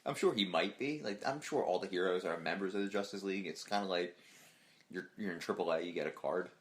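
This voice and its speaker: A man with a very low, deep voice co-hosting a casual podcast. He talks excitedly, swears freely and acts out little quoted lines as he goes. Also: fast talker. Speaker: podcast co-host.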